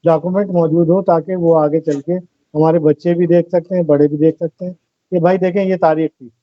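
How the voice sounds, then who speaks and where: A man with a notably high voice talks earnestly as an interview guest, reflecting and illustrating his points with examples. The sound is dry and close, with a slightly dull, muffled tone. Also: fairly even intonation, brisk, no echo. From Pakistan. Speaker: guest, volunteer organizer. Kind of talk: conversational interview talk.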